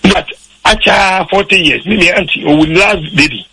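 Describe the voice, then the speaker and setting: A man's voice: high voice, moderate pace, creaky, pushed and bright, slight background noise, poor audio. A man calling in to a radio show, explaining at length and often repeating himself. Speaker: caller. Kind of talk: phone-in conversation.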